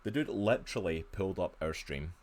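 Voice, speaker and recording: Scottish man, 30s, Glasgow accent, very low voice, eager podcast co-host on a video call. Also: lively intonation, brisk, darkish tone. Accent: Glaswegian Scottish. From Scotland, near Glasgow. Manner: chatty and enthusiastic, lots of fillers. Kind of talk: casual podcast chat. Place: home room.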